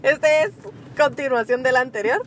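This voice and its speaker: Young Guatemalan woman, podcast co-host, high voice, expressive casual chat recorded in a car. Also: moderate pace, slight background noise. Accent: Guatemalan Spanish. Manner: expressive, emphatic, laughs often. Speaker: podcast co-host, small bakery owner. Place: inside a parked car.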